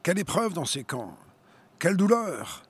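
A man voicing a starving male prisoner who keeps his faith, in an inward, steady voice. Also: on the high side, normal speed, husky, no echo. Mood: resolute.

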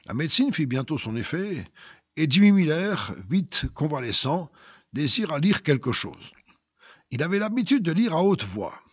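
Expressive man reading a story aloud. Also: fairly high pitch, normal speed, husky, no echo. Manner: expressive, swings between loud and hushed. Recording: dull lo-fi recording.

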